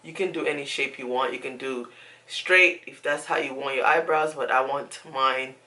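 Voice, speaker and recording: A young woman with a rumbling low voice and a sharp tone speaks at normal speed, giving a chatty beauty tutorial to camera. She is emphatic, repeats words a lot, and records in a small indoor room at home.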